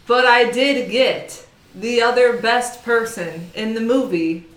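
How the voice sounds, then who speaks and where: A woman co-hosting a casual chat show, with wry, deadpan teasing. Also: fairly high pitch, slow pace. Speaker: podcast co-host. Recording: roomy echo.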